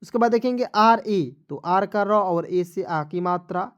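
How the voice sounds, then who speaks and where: Man slowly spelling out words as teacher. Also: high-pitched, dull audio. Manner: spells out letters slowly, often checks if viewers understand. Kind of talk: online spelling lesson.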